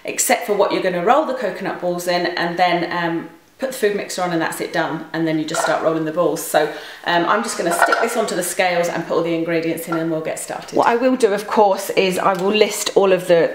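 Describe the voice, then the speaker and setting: A woman's voice: lowish voice, slight background noise. A British woman chatting through a recipe in her home kitchen, her voice carrying a heavy room echo, with a rambling manner and plenty of ums. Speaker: cooking vlogger. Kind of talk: casual recipe demonstration. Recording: very echoey kitchen recording.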